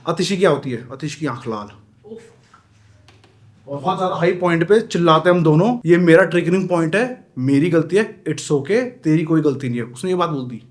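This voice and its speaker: Young man, slightly high voice, animated storytelling, acts out dialogue. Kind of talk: animated storytelling among friends.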